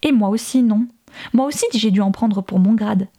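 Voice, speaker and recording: A woman's voice: on the high side, normal speed, dark tone. Woman reading as an exasperated accusing young woman. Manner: cutting, accusing rhetorical questions. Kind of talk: audiobook character reading.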